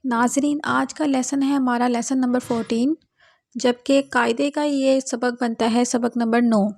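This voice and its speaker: A woman teaching Quran reading, explaining patiently and spelling out each letter slowly, repeating every drill twice. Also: fairly high pitch, steady tone, gravelly, darkish tone, dry recording, studio quality. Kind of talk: step-by-step recitation lesson.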